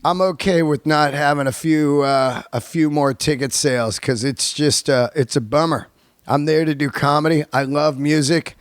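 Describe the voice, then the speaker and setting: This clip features a man in his early fifties, a stand-up comedian who hosts a podcast, talking casually to his listeners in a relaxed, slangy style full of swearing. His voice sits on the high side with a steady tone, a moderate pace, and a clear, resonant quality. The recording is studio quality with no room sound.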